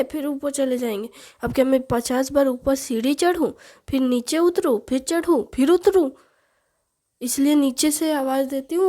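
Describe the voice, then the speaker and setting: A woman voicing a bossy, loud middle-aged mother who scolds and teases her children. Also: sits high, natural voice. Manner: scolding, teasing, commanding.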